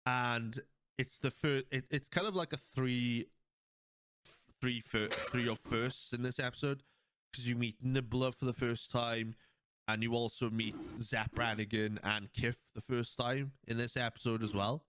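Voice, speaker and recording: Male podcast host, mid-pitch, rambling casual chat, faint hiss behind. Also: unhurried. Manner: rambling, animated retelling of scenes with laughter.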